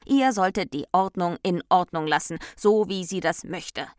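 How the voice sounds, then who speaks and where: A woman's voice: fairly low pitch, moderate pace, darkish tone, no room sound, clean studio sound, natural voice. Woman doing firm, lecturing Mister Distance. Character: stern male personification of Distance.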